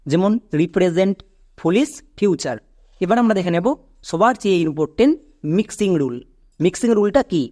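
A man's voice: high voice, darkish tone. A man gives a spoken English lesson. He takes it step by step, asks his learners questions and drags out each syllable when he sounds out a word. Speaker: English teacher.

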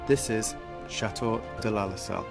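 Man narrating an intro over loud music. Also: lowish voice, fairly even intonation, moderate pace, vocal fry. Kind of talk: scripted show intro narration.

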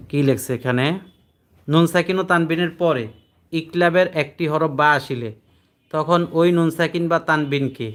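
A man with a slightly raised pitch speaks in to a classroom of adult learners, teaching Quran recitation. He explains each rule more than once and keeps checking that they follow. When he recites examples he slows to a drawn-out chant. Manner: patient, repetitive, checks understanding with questions; chants recited words slowly, drawing out syllables. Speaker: addressed as hujur by students.

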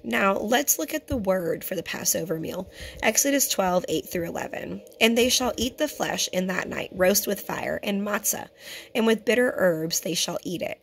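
Hoarse woman teaching scripture. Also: mid-range voice, expressive, moderate pace, slight background noise. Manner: earnest and conversational, addresses viewers as brothers and sisters. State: hoarse, keeps clearing her throat. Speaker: teacher of a Torah fellowship. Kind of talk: home-made teaching video.

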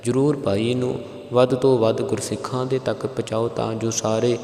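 A man with a Punjabi accent teaching correct scripture recitation, alternating slow chanting with plain spoken explanation. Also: medium pitch, little pitch movement, dark tone. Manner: chants scripture lines slowly, then explains pronunciation plainly. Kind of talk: religious recitation lesson. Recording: echoey, reverberant room.

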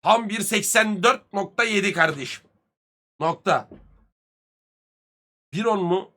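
Male streamer, 30s, a touch high, bright edgy tone, crude swearing banter with chat. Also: slow. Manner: lively, swings loud and soft. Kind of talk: casual live-stream chat with viewers.

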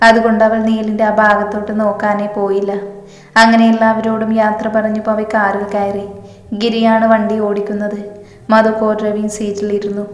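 Woman reading a story out, pretty monotone, lots of room echo. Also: medium pitch. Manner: reads all characters' lines in a near-level voice. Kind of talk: scripted story narration with acted dialogue. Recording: echoey room with long reverb.

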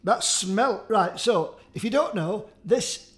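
A man's voice: high-pitched, expressive, takes it slowly, a bit bright. A man hosting a comedic food-tasting vlog, swearing and complaining theatrically as he groans his way through the food. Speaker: food challenge host.

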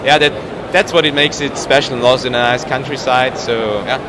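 Here the cyclist, a non-native English speaker of about thirty, sounds brisk, with a medium pitch and fairly even intonation as he searches for words in a casual interview. A crowd murmurs behind him at the indoor trade show booth, and the hall is noisy.

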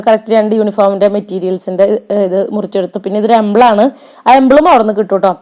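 A woman's voice: mid-range voice, mellow. A young woman, chatting casually over a shopping vlog as its host and often adding little tag words and fillers. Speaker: vlogger.

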